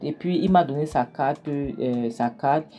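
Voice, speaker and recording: A woman's voice: sits low, measured pace, mellow. A woman voicing an upset young daughter pleading her innocence to her mother. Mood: insistent. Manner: pleading, emphatic denials.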